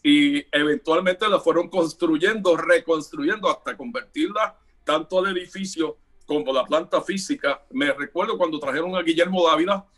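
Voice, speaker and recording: Animated middle-aged radio announcer, higher voice. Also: male voice, normal speed. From Puerto Rico. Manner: animated storyteller, acts out dialogue in anecdotes. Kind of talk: casual conversational interview.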